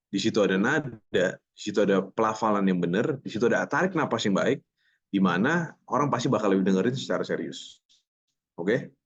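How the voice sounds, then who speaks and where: A man's voice: fairly low pitch, breathy edge. A man teaching a public speaking workshop who talks energetically, jokes with participants and drops English words into his speech. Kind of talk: online voice workshop. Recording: slightly muffled lo-fi audio.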